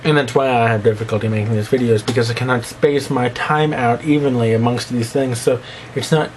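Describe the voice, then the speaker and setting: Fairly quick and even in intonation, a young man with a slight lisp delivers a rambling, self-deprecating vlog monologue to camera. He drops into squeaky put-on voices at times, with slight background noise in the recording.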